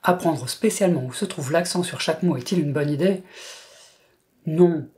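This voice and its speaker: A speaker from France narrating a scripted language lesson in a measured, explanatory way. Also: mid-range voice, a little mellow. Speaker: language teacher.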